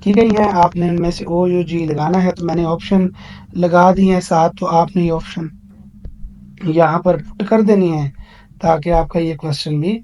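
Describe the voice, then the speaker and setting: A man with a Pakistani accent teaching a recorded lesson. He explains exercises patiently, reads English phrases slowly and drawn out, and pauses often with "uh". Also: high-pitched, fairly even intonation, dark tone, slight background noise, rough recording.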